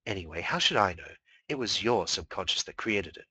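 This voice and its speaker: A man voicing a dark, petulant inner spirit in a low hushed whisper. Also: animated, brisk, husky, no echo, heavily acted, poor audio. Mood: sulky.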